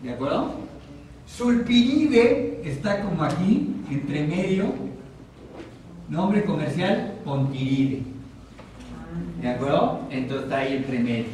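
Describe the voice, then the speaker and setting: A man with a Mexican Spanish accent giving a psychoeducation lecture as a psychiatrist, questioning the audience and repeating key terms slowly. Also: a little high, sing-song, a little mellow, a little hiss or hum. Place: hospital lecture room. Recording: very echoey room from far off.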